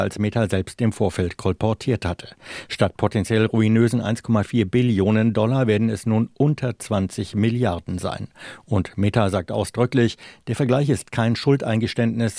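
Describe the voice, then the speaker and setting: A man's voice: on the low side, mellow, dry recording, clean studio sound. A man narrating a scripted news report as a correspondent.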